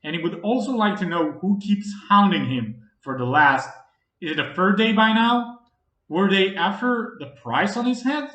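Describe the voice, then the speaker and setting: A man reading fantasy audiobook narration in a dramatic, expressive way. The recording is roomy. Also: sits high, normal speed. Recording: roomy echo.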